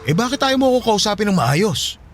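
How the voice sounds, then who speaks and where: A man's voice: sits high, big pitch swings, a little fast, a little hiss or hum. A man acting in a radio drama as a young man who pleads and keeps asking questions, then apologizes. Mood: pleading.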